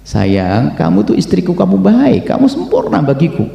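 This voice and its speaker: A man voicing a tender young husband who gently reassures his wife in a story within a sermon. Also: high-pitched, wildly swooping pitch, moderate pace, creaky, full character voice. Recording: echoey hall with long reverb.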